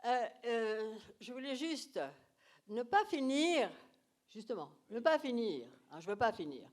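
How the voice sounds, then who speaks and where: An older woman speaking spontaneously as the guest of a masterclass, animated and self-mocking, repeating her phrases. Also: fairly high pitch, unhurried. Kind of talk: spontaneous public talk.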